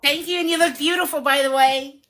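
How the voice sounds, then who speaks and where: A woman's voice: sits high, steady tone, brisk, fairly bright tone. A woman hosting a live stream, chatting casually and teasing her guests with frequent laughter. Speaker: live stream host interviewing fans. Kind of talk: casual chat.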